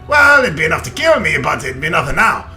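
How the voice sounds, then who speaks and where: An agitated old dwarf warrior's ghost in a fantasy game. The voice is raised high and bright, with big swings, and the phrasing is archaic and exclamatory. Music plays faintly behind. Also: male voice, big pitch swings, quick pace, heavily acted. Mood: grave, urgent. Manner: archaic dialect with 'ye' and 'be', exclamatory.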